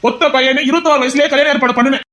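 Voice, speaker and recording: An actor playing a stern middle-aged father who scolds his son about marriage in a fast, insistent voice. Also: extremely high pitch, fairly even intonation, sharp tone. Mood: exasperated. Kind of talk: amateur audio drama.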